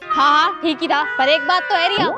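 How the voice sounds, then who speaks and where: A woman's voice: very high-pitched, a little fast, over loud music. A woman voicing a grumpy young man who complains bluntly and rudely about the heat, in a comedy sketch.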